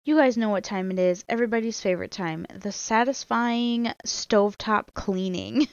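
A woman's voice: medium pitch, clean tone, no room sound, lo-fi sound. Chatty young woman narrating a cleaning vlog. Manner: chatty, laughs often. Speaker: cleaning vlogger. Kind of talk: casual voice-over narration.

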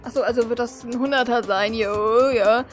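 A woman voicing a greedy, laid-back male student fortune teller in a video game, reading his lines loudly with a pushy salesman patter. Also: a little high, steady tone, moderate pace, faint music behind, lightly acted. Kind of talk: dubbed reading of game dialogue.

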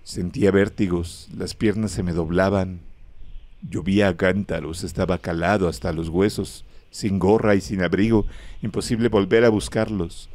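A man narrating a horror story in a grave, measured way, close to the microphone. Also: sits low, fairly even intonation, a little mellow, no echo.

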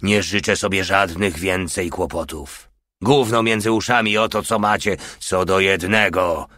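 A male narrator doing a commanding older sergeant with a curt, stern delivery. The voice sits low, close and dry. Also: measured pace, sharp tone, no echo.

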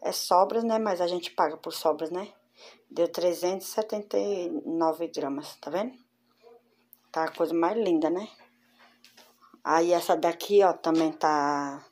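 A woman with a low-pitched voice talks casually to her viewers, showing off handmade crochet pieces one by one. Her tone is chatty and familiar. She speaks from a room at home. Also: unhurried, pauses often, darkish tone. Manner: chatty, addresses viewers as girls. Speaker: crochet vlogger. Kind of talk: casual show-and-tell. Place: home room with door closed.

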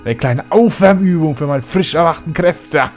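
A man voicing a ravenous game character with a wild beast stirring inside him, in a low, groaning voice. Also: close to an everyday voice.

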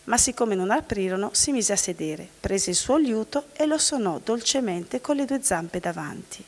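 A woman from the audience reading a fairy tale aloud in a steady storytelling manner. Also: mid-range voice, moderate pace. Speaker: volunteer reader from the audience. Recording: long hall reverb.

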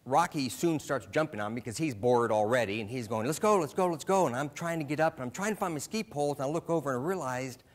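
A man's voice: medium pitch, fast, hardly any pauses. A middle-aged man from Alaska giving a short humorous stage talk, telling a story with self-deprecating comic timing. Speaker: speaker.

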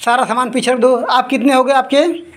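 High-voiced woman calling out a kids' game. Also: fairly even intonation. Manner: repeats item names rapidly to urge the children on; scolds and laughs between rounds. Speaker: host running a toy-finding game for two children. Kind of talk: lively play-by-play commentary for kids.

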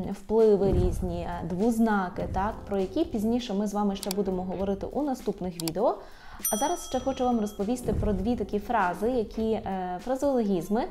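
A young adult woman teaching Polish in a video lesson, patiently saying each example word slowly and more than once. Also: mid-range voice.

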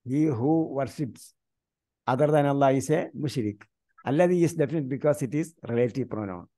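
Man, grammar teacher from India, online class, warm dark tone, quizzing students, slow recited terms. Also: medium pitch, lively intonation. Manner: quizzes students with repeated questions.

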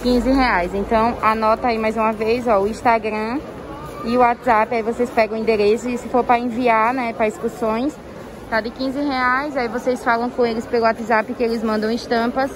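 A shopping vlogger speaks at a moderate pace in a fairly high, level voice while filming a casual tour of a busy indoor clothing market on her phone. Through her face mask she chats to viewers, pointing things out and repeatedly saying "ó" and "olha só," as crowded market noise fills the background.

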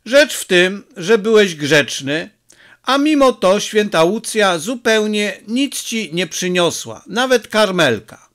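A man's voice: high-pitched, big pitch swings, takes it slowly, a bit bright, pitched above the performer's own voice, exaggerated voice. A man voicing an angry, short-tempered village father who scolds his son, in an audiobook reading. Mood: calm, crafty. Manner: scolding, exasperated.

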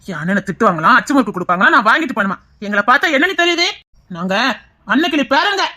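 Hot-headed Tirunelveli kid brother, defiant and curt, high, bright voice, played by a woman. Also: sing-song, very fast, heavily acted. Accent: Tirunelveli Tamil.

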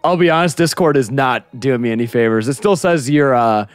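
A man's voice: medium pitch, fairly quick, clear, resonant tone, no room sound, soft background music. A nineteen-year-old man co-hosting a gaming playthrough, easygoing and laughing often as he chats. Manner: easygoing, laughs often, says "bro" and "dude". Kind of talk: casual chat over gameplay.

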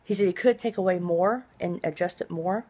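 A middle-aged woman with a low-pitched voice talks casually, as if updating a video diary. Her s sounds are drawn out and hissy, and her delivery rambles along in a conversational way. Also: a little fast, darkish tone, slightly rough. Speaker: vlogger. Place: small indoor room at home.

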